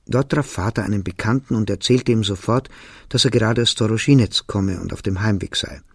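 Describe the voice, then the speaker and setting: A man reading a novel aloud as narrator, telling the story in a calm, measured way. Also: fairly low pitch, creaky, breathy edge, dry recording, studio quality. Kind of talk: audiobook reading.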